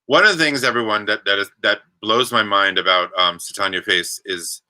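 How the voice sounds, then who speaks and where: A male show host with a lowish voice and a very sharp, bright tone. He chats casually and haltingly, doubling back on his words as he interviews. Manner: halting, repeats words as he gathers thoughts. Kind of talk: casual, unscripted interview chat.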